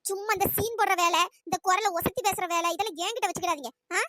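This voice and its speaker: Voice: extremely high pitch, quick pace, pushed and bright, slight background noise. A performer voicing a defiant young daughter-in-law who answers back with mocking retorts in a cartoon. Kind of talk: cartoon voice acting.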